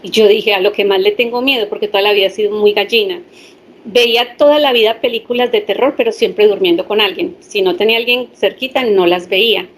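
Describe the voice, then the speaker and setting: A woman's voice: mid-range voice, brisk. A woman, a hypnotherapist earnestly sharing her personal story with a small group.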